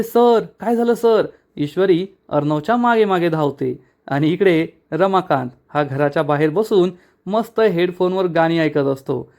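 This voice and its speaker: A man retelling a TV serial episode in lively storytelling narration. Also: high voice.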